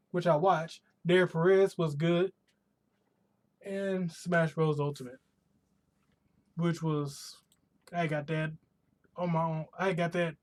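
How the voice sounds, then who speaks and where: A man's voice: a little high, a little mellow. An American man chatting casually on a live stream from his home room, rambling and rephrasing himself, his voice a bit worn from pollen. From United States. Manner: rambling, restarts and rephrases often. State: voice slightly worn from pollen allergy.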